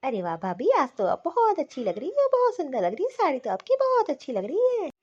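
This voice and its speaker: A woman's voice: sits high, wildly swooping pitch, a little fast, darkish tone, muffled recording. A woman voicing a friendly young college-going sister-in-law who sweetly compliments her brother's new wife.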